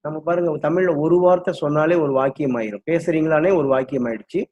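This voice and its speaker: A man's voice: fairly high pitch, fast talker. A man teaching English grammar, explaining patiently and drilling sentence patterns one by one. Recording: dull lo-fi recording.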